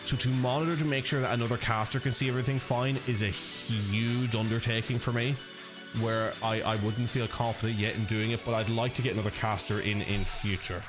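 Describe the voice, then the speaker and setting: A man's voice: mid-range voice, fairly quick, over music. Joking Irish man casting esports live. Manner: lively, joking, chatty with the audience. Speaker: esports caster and organiser. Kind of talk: live stream commentary.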